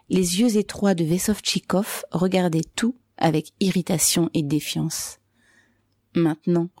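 Woman narrator, measured and clear; dry, low register. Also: mellow, no room sound. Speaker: reader. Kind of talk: scripted narration.

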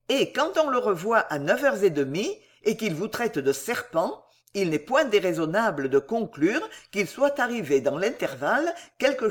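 A woman reads a classic novel aloud as scripted literary narration. Her pitch sits in the middle and rises and falls in a lively way. She tells the story in a measured, expressive manner. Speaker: audiobook narrator.

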